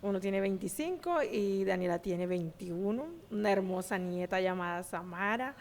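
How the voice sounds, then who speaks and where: Colombian woman guest, forties, gentle and soft-spoken, gravelly voice, echoing room. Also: medium pitch, normal speed. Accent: Colombian Spanish. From Valledupar, Colombia. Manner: gentle, soft-spoken, laughs when teasing. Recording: reverberant hall with faint ambience.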